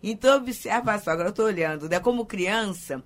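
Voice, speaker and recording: A woman's voice: medium pitch, a little fast. A woman co-hosting a spiritual talk program who reminisces reflectively and often chimes in to agree. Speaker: co-host. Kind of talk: casual chat on a spiritist program.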